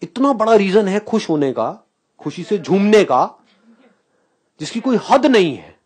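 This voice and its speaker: A man speaks to a live audience in a fairly high voice that swoops up and down with energy. He keeps firing questions at his listeners and breaks into laughter often. He slips English phrases into Hindi as he teaches. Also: very animated, measured pace, darkish tone, breathy edge. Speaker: spiritual speaker.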